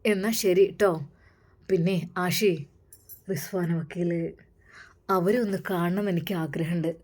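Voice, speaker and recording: An earnest young man in a spoken story, his voice lowered and kept quiet and heartfelt, as a woman narrator puts him on. He speaks with sincere hope. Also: fairly even intonation, measured pace.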